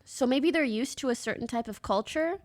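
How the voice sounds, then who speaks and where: A woman's voice: sits high, a little fast, darkish tone. A woman in her twenties from Canada, a streamer chatting bluntly and casually while reacting to clips and reading chat.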